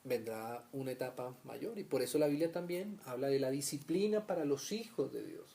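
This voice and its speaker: Dark-voiced man teaching the Bible. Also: medium pitch, lively intonation, moderate pace, creaky, slight background noise. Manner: asks "¿cierto?" often, acts out little scenes. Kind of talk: conversational Bible study teaching.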